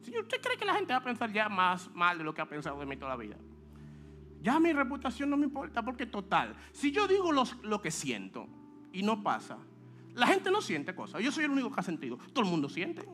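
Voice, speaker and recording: A man preaching a sermon as pastor, animated, with joking asides to the congregation, acting out quoted speech. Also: high voice, fairly quick, soft background music.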